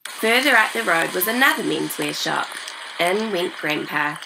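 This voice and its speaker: A woman, reading a children's story aloud in an animated, smiling way. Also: fairly low pitch, normal speed, vocal fry, background noise. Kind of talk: expressive storybook read-aloud. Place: small indoor reading room.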